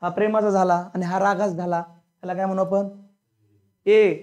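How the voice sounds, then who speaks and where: A man's voice: sits high, flat delivery, quick pace. A male teacher giving a classroom grammar lesson, drilling his students with repeated questions in a blunt, colloquial, sometimes scolding way.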